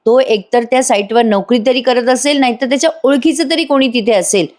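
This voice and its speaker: A woman's voice: fairly high pitch, fairly quick, a little mellow, pitched above the performer's own voice, natural voice. A woman reading the lines of an earnest, confident young wife in a reassuring tone.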